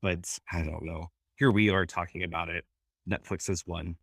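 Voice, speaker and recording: Man, low voice, dry close sound, casual opinionated film chat. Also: steady tone, moderate pace, fairly bright tone, no room sound. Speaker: film critic podcast host.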